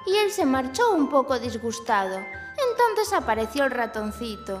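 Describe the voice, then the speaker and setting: A woman narrating a children's tale in a gentle, expressive way. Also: high-pitched, normal speed. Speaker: children's storyteller. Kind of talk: scripted storybook narration. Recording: long hall reverb, faint music.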